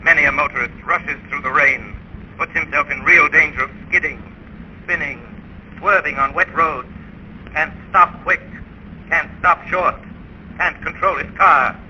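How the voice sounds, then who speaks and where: An actor playing an ominous, all-knowing avenger, giving menacing warnings in 1930s radio style. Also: male voice, fairly high pitch, measured pace, long pauses, sharp tone. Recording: noisy, muffled 1930s radio recording.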